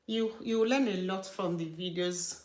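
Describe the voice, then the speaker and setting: A woman talking casually through a hair care tutorial, relaxed and chatty, with fillers as she works. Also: mid-range voice, moderate pace.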